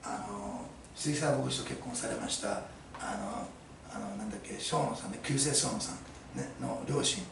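A man's voice: medium pitch, moderate pace, vocal fry, noisy background. A male pastor preaching a sermon to his congregation, emphatic and fond of rhetorical questions, recorded in an echoey church hall from a distance. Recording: echoey room, mic at a distance.

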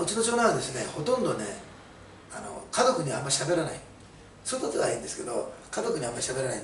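A middle-aged man preaching a sermon as a pastor, telling stories chattily with many fillers. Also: on the high side. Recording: roomy, mic at a distance, faint hiss.

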